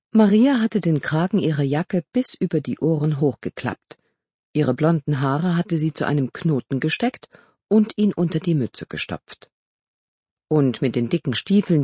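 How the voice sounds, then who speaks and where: Lively, expressive storybook narrator. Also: mid-range voice, breathy edge, no echo. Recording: dull lo-fi recording.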